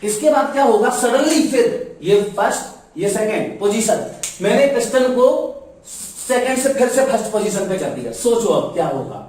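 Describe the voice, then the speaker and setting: A man's voice: high-pitched, big pitch swings, normal speed, darkish tone. A male physics teacher lecturing in a strongly echoing room, his voice picked up from a distance. He talks in a chatty classroom way and keeps asking the class whether they follow. He repeats key terms so the students say them back. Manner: keeps asking the class rhetorical check questions. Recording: very echoey room, voice far from mic.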